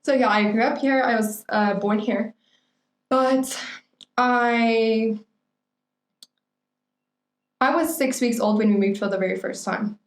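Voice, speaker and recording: A woman's voice: on the high side, takes it slowly, pauses often. A young adult woman co-hosting a podcast, chatting casually in a rambling, playful way with lots of "like". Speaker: podcast co-host. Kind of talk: casual chat. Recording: roomy echo.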